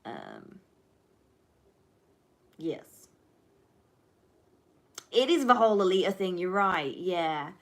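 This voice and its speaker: On the low side and sing-song, this woman talks slowly with long pauses as she answers livestream viewers' questions. She's a Flemish Dutch native in her twenties, a livestreamer and film student, and her chat is rambling, candid, sweary and emphatic.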